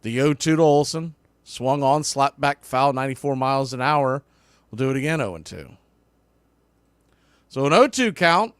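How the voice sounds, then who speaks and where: A man calls live baseball play-by-play for a fan stream in clipped phrases, full of folksy, partisan enthusiasm for the home team. His medium-pitched voice is expressive and smooth at a normal speed with frequent pauses. The sound is studio quality with no room noise.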